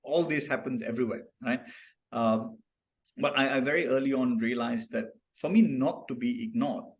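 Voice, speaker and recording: A man's voice: mid-range voice, moderate pace. A man from Malaysia, a founder guest on a podcast, telling stories reflectively, with many restarts and tag questions. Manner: reflective, storytelling, frequent restarts and "right?" tags. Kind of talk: casual podcast conversation.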